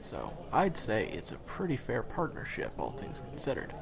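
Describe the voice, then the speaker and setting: In a fantasy game audio roleplay, a man voices a friendly, reassuring guide who used to be a hunter, chatting to the listener with hesitant pauses. His mid-range, creaky voice swoops wildly in pitch over crowd noise, and the mood is casual and instructive.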